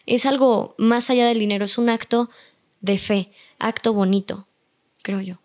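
A woman's voice: a little high, fairly even intonation, measured pace, darkish tone. A woman with a Mexican accent, chatting as a guest on a podcast and acting out the people she quotes. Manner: chatty, acts out quoted voices. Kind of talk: casual podcast chat.

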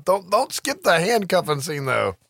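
A man's voice: a little high, sing-song, normal speed, gravelly, a bit bright, no room sound, clean studio sound. A man co-hosting a podcast, chatting casually about a film with blunt opinions and heavy swearing. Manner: blunt, heavily profane, opinionated. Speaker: podcast co-host. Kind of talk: casual film chat and commentary.

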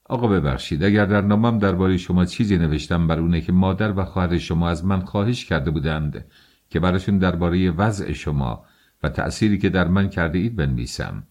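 A man's voice: low voice, a little mellow. Man reading a haughty, condescending suitor. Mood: cold. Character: haughty middle-aged suitor, cold and condescending.

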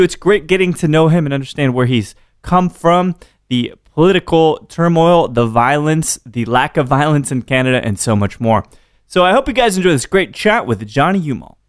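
A man in his thirties hosting a casual interview chat, animated and swearing freely. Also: medium pitch, clear, resonant tone, no echo, studio quality. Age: 30s. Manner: animated, swearing, laughs easily. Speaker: podcast host.

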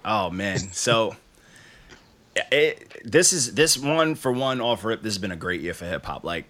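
A man's voice: fairly low pitch, lively intonation, a little slow, fairly bright tone. A man from New York hosting a casual music interview, loose and profane, laughing often. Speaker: podcast host and music reviewer.

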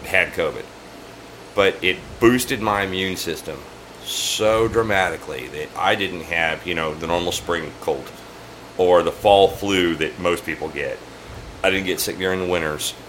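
Middle-aged man, very low voice, bright edge, casual bar talk, cursing, faint hum behind. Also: measured pace, rough recording. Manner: profane, laid-back storytelling. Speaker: bar owner and host. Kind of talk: casual chat over drinks.

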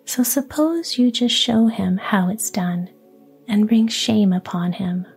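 A woman whispering the lines of a clever, commanding young princess in a fairy tale, hushed and sly. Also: medium pitch, slow, creaky, slightly rough, faint music behind, full character voice.

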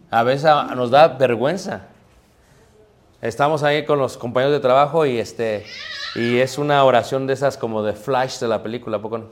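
A man preaching a sermon, talking to the congregation in a conversational way and asking them rhetorical questions. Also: medium pitch. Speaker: pastor.

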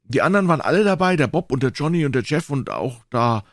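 A man voicing Joe, a cheeky, boastful young boy with a high, eager voice. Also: animated, fast, dry recording, clean studio sound. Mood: bragging.

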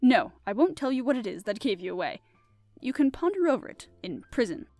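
A woman doing a cool, mocking gentleman hero. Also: a little high, very animated, fairly quick, dry recording, soft background music. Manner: dry, lazy and teasing.

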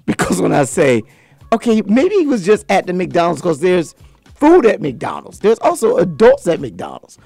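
A man hosting a casual interview, animated and laughing often, agreeing a lot as guests talk. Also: sits high, normal speed, gravelly, no room sound, soft background music. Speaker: interviewer host. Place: barbershop.

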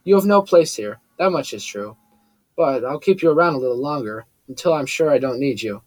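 A man's voice: medium pitch, lively intonation, a little fast, no echo, lightly acted, low-quality recording. A man voicing a cold, severe female villain. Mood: taunting. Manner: soothing tone over steely menace.

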